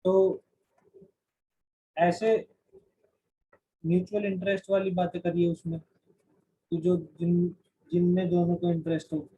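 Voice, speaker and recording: A man's voice: high voice, monotone, slow, long pauses, warm tone, slightly rough. A man teaching a class, explaining in Hindi mixed with English terms and often restarting his sentences. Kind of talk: classroom lecture. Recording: dull lo-fi recording.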